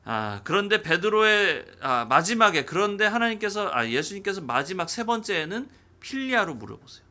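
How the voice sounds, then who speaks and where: Male pastor, high bright voice, lively sermon delivery with acted-out quotes. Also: normal speed, few pauses. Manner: animated, acting out dialogue in quotes.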